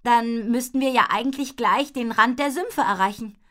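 A woman's voice: a little high, normal speed, a bit bright, close to an everyday voice. A woman voicing a determined young girl rider, earnest and urgent.

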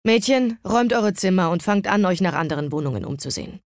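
A woman voicing a calm, weary middle-aged father who speaks in a measured, resigned way in an audiobook. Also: fairly low pitch, no echo, studio quality.

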